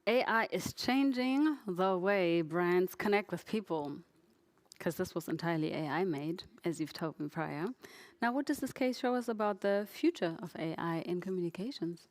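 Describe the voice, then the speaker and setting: A woman hosting an awards presentation, speaking in a formal, measured announcing manner. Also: on the low side, no room sound. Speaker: awards show host.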